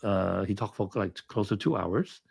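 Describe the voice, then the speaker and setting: A man's voice: lowish voice, moderate pace, creaky, a little mellow, slightly rough, dry recording. Rambling man from Hong Kong, dry sound. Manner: rambling with many fillers and restarts. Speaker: interview guest, film commentator. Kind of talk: casual storytelling interview.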